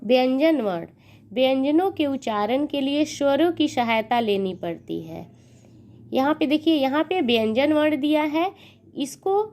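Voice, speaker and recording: A young woman gives a patient grammar lesson in a fairly high voice. She builds each word sound by sound and counts the sounds aloud. Her pace is slow and deliberate. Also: darkish tone. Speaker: teacher.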